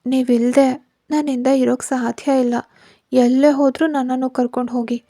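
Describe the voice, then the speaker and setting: A woman's voice: high voice, little pitch movement, moderate pace, dark tone, no room sound, studio quality. A woman voicing a frail, tearful young wife who speaks in an earnest, pleading way, in a spoken story.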